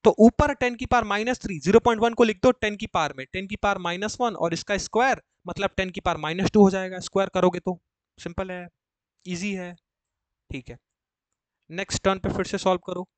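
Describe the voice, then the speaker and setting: High-voiced male chemistry teacher, coaxing. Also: fairly even intonation, fairly quick, dry recording. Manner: coaxing, asks questions and answers them himself. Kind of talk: exam-prep lecture.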